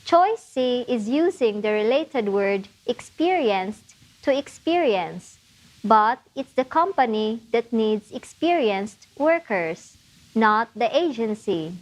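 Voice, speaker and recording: A woman narrating a test preparation lesson, explaining answers clearly and encouragingly. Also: a little high, very animated, takes it slowly, rough recording. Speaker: test prep instructor. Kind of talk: scripted teaching narration.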